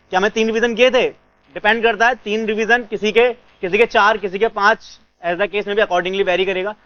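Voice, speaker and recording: Male coach, high-pitched, smooth resonant tone, reassuring, answers his own questions, dry and slightly muffled. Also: a bit bright, no echo. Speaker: CA exam coach. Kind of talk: motivational advice to students.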